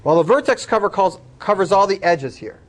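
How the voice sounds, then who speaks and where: A man's voice: high voice, lively intonation, brisk. A man lecturing a class, explaining step by step and taking student questions.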